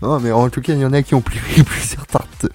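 A man's voice: mid-range voice, fairly even intonation, a little fast, darkish tone, soft background music. Laughing young man hosting a radio chat. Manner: joking, laughs often, chatty. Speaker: radio show host.

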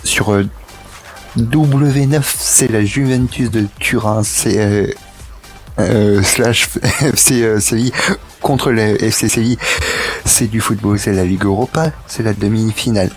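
Halting young man reading listings. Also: lowish voice, soft background music. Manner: halting, many fillers. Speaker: radio co-host. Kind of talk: casual radio chat reading TV listings.

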